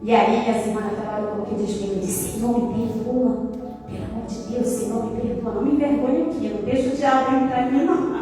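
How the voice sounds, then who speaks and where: In a large, echoey church hall, a woman preacher with a fairly high, steady, mellow voice speaks fast through a fervent testimony, telling her story dramatically and breaking into sung phrases. The mic is distant and faint music plays.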